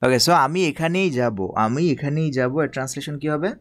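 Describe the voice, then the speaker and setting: Man teaching, slow dictation style. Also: on the high side. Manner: slow, drawn-out dictation of example sentences, frequent check-ins with learners. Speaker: English teacher. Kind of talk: recorded online class lecture.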